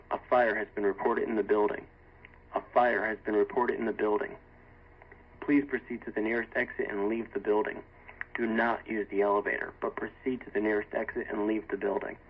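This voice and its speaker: Low guy on the pa speaker, flat formal announcement, muffled lo-fi sound. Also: brisk. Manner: formal, steady instructions. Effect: recorded announcement over a PA loudspeaker. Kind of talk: repeated emergency announcement. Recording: dull loudspeaker sound heard from a distance.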